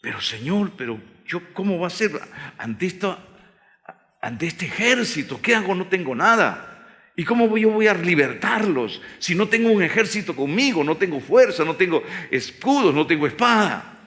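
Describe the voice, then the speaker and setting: A man's voice: sing-song, moderate pace, a bit bright, heavily acted. Man doing an anxious, pleading Moses. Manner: anxious, questioning, raised pitch. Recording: long hall reverb.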